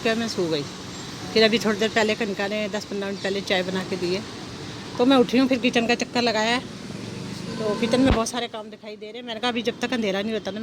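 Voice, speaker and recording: This middle-aged Indian vlogger, speaking with a Delhi Hindi accent, chats her way through household chores, describing each step as she goes. She records on a phone in her kitchen and on her balcony, and her mid-range voice comes through over a noisy background.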